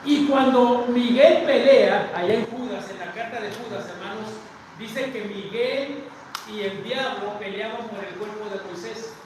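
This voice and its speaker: A Mexican pastor with a high-pitched voice preaches a sermon, swinging between loud declarations and hushed asides as he calls out to the congregation. He is picked up from a distance in a big, very echoey sanctuary. Steady noise sits under the recording. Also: a little slow. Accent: Mexican Spanish. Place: large church sanctuary with a balcony. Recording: very echoey church from far off, noisy.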